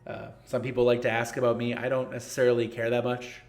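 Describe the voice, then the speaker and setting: A man's voice: medium pitch, monotone, fast talker, soft background music. A man in his thirties hosting a casual live-stream Q&A for a gaming league, answering chat questions in a blunt, joking, sarcastic way. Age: 30s.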